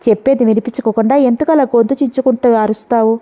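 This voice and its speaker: A woman's voice: a little high, steady tone, racing, warm tone, close to an everyday voice. A woman voicing an angry husband who scolds sternly, read in a storybook. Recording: dull lo-fi audio.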